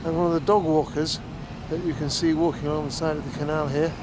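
A man in his sixties filming himself up close by a canal on a cold morning, talking in an unhurried, thoughtful way with filler pauses. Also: on the high side, little pitch movement. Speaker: wildlife filmmaker. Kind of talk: casual on-camera commentary. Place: outdoors by a canal towpath on a cold rainy morning. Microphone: camera held close to the face. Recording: loud brewery machinery hum. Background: brewery machinery noise.

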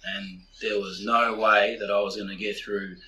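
A man's voice: on the low side, level tone, normal speed, pushed and bright, low-quality recording. Blunt New Zealand man, swearing freely. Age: 40s. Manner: blunt, heavy swearing, candid storytelling. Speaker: guest. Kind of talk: casual podcast interview.

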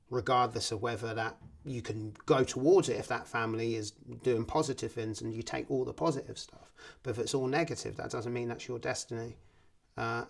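Gravelly guy thinking out loud in an interview, pretty flat tone. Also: mid-range voice. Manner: reflective, thinking aloud. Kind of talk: casual interview chat.

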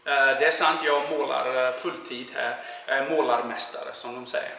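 A Swedish painting contractor in his forties answers interview questions in a relaxed manner, with plenty of filler sounds and a Swedish accent. His mid-range voice has vocal fry and moves at normal speed. He's on a lapel mic in a large indoor warehouse, and the recording is very echoey with a long reverb tail.

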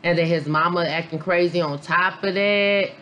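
A woman's voice: lowish voice, steady tone, moderate pace, fairly bright tone, muffled recording, a little hiss or hum. A woman vlogger giving a casual reaction review, blunt and profane, rambling with lots of fillers, a little tipsy. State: a little tipsy after a beer. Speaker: vlogger, mom reviewing a documentary.

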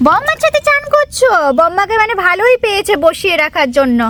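A woman from West Bengal narrates a family vlog outdoors in her courtyard. Her voice sits very high, and she chats warmly with a toddler in sing-song baby talk. A clip-on wireless mic picks her up up close. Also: sing-song, fast, slight background noise. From West Bengal, India. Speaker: vlogger, mother. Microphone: wireless lapel mic.

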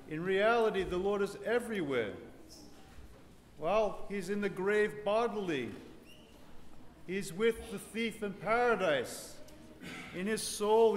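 A man in his thirties, a priest, giving an earnest sermon in a large church, unhurried, building to joyful emphasis. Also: high voice, a little hiss or hum. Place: large ornate church with congregation. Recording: echoey church hall, reverb, faint ambience.

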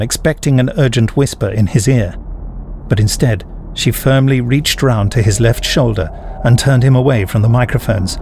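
A man reading scripted fiction in a measured, theatrical way with weighty pauses. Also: medium pitch, a little mellow, slight background noise. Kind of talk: dramatic scripted narration.

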